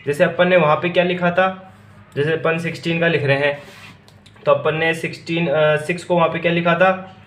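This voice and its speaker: A man's voice: fairly high pitch, fairly even intonation, normal speed, a bit bright. Man teaching in an echoey room. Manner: asks a question then answers it himself, repeating each word. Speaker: German teacher. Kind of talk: classroom-style language lesson.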